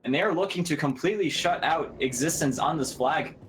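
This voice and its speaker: A man giving quick, energetic play-by-play commentary on an online game match, laughing easily, with game gunfire going on behind him. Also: a little high, slight background noise. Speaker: esports commentator. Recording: game gunfire loud in the background.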